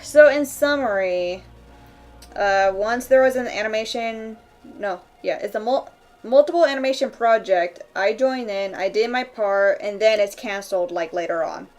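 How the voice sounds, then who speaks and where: Woman rambling on her drawing stream, filler words everywhere, soft music in the back. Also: medium pitch. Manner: rambling with many fillers and quick laughs. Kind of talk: casual chat while drawing. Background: faint background music.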